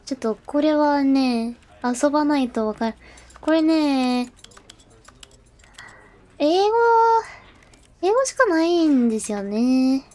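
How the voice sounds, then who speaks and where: Woman streamer, high-pitched, casual filler-heavy chatter, live translation of a game. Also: animated, slow, pauses often, warm tone. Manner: chatty, lots of fillers, talks to herself while setting up; translates game narration aloud. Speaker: VTuber streamer.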